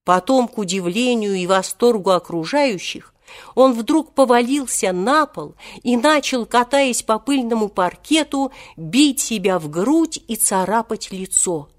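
A woman narrating a children's tale as an expressive, lively audiobook reader. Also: on the high side, unhurried.

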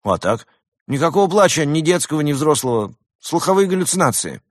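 Guy doing a high squeaky wolf trader pretending to be a demon, boastful, swoops all over. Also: big pitch swings, fairly quick, dry recording, studio quality. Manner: boastful, fussy, pushy salesman. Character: pompous wolf trader posing as a demon wizard.

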